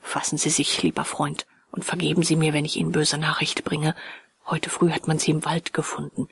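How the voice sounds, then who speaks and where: A woman voicing an older male professor who speaks in a low, measured, soothing way. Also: steady tone, vocal fry, slightly rough, no room sound, clean studio sound. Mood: grave.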